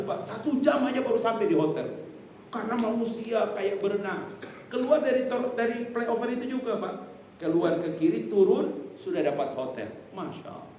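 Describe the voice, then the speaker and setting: A man delivers a lively, conversational sermon, calling out to his listeners as he goes. His voice sits somewhat high and reaches the mic from a distance. The mosque hall rings with heavy echo over a faint hum of room noise. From Indonesia. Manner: lively, chatty, addresses listeners as Pak and Ibu. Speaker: preacher. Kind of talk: casual sermon. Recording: very echoey hall, from far off.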